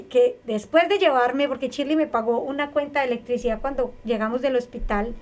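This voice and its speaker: A woman guest telling a personal story in a conversation, animated and emphatic, repeating phrases for emphasis. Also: high-pitched.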